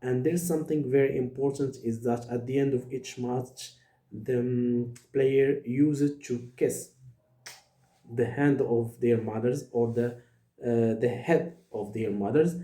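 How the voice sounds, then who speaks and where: A man from Morocco, speaking as an in an earnest vlog monologue, pausing often with fillers. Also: mid-range voice, fairly even intonation, warm tone, roomy sound. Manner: earnest, many hesitations and fillers. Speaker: vlogger. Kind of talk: direct-to-camera monologue.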